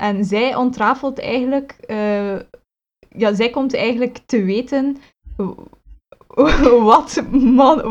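A woman's voice: a little high, darkish tone. Woman co-host, hesitant, filler-heavy, dull lo-fi sound. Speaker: podcast co-host. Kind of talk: casual chat.

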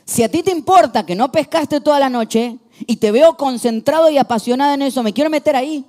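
A young man with a Rioplatense Spanish accent preaching a sermon, telling stories with lively shifts from hushed to emphatic. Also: extremely high pitch, fairly quick. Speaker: pastor.

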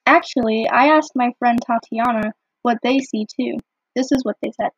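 A woman's voice: normal speed, husky, dry recording. Chatty woman over a muffled phone line. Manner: chatty, fills with "like". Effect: low-quality phone recording. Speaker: podcast co-host. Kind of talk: casual scripted podcast chat.

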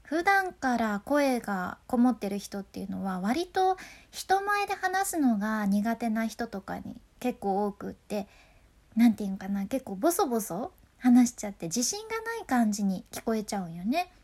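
Woman announcer; high, bright, chatty delivery for a casual voice lesson. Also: sing-song, moderate pace. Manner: chatty and upbeat, laughs often. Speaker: freelance announcer giving voice tips. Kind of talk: casual voice-training talk.

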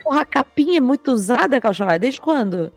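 A woman's voice: high-pitched, lively intonation, no room sound, faint music behind. A woman playing a quiz game on a podcast, talking casually with light swearing. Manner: quick, casual, swears lightly, laughs often. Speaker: quiz contestant.

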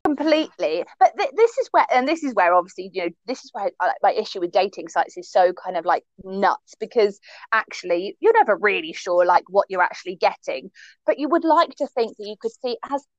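A woman's voice: medium pitch, expressive, a little fast, no echo. A woman co-hosting a podcast in casual chat, talking with emphatic, laughing energy. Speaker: podcast co-host. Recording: dull, dry sound.

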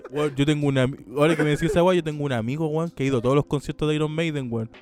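A young Chilean man co-hosting a podcast, chatting in an excitable, slangy and profane way. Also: on the high side, very fast. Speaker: podcast co-host. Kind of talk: casual chat.

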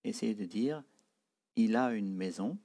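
A man's voice: on the low side, a little slow, warm tone, husky. A man teaching a spoken language lesson, saying words and tones one by one, repeating them, and patiently explaining how to pronounce them.

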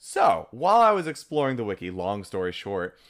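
A man co-hosting a casual geeky discussion in a jokey, excitable way. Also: fairly low pitch. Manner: jokey, excitable, quick to laugh. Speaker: podcast co-host.

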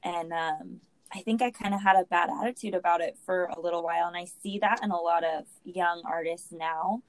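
Woman host, slightly low voice, groggy today; casual, encouraging interview chat. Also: fairly even intonation, moderate pace. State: groggy, rough voice. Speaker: podcast host.

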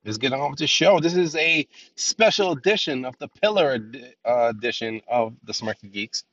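Recorded from a distance and a bit off-mic, this lo-fi, dull-sounding solo podcast has a man chatting casually with many filler words, still nasal from a lingering cold. He speaks at a moderate pace with a medium-pitched, slightly bright voice and no room sound.

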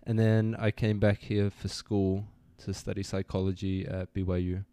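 A young man born in New Zealand, a student guest telling his story in a relaxed, easygoing way on an interview podcast. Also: sits low, normal speed, clear, resonant tone, no echo. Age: young adult. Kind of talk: casual interview.

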